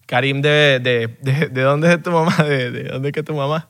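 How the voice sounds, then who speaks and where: A young man co-hosting a podcast, teasing his friend in casual, drawn-out banter. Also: mid-range voice, steady tone, a bit bright. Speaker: podcast co-host. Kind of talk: casual chat.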